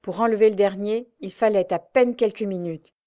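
A woman reads an adventure novel aloud as narrator. Her storytelling is steady and dramatic, carrying the scene line by line. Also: medium pitch, normal speed. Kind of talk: audiobook reading of an adventure novel.

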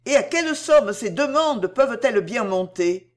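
Earnest young heroine, high, lively and pleading, voiced by an audiobook reader. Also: normal speed, natural voice. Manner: pleading, emphatic. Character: earnest young woman, compassionate and resolute. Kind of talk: audiobook reading.

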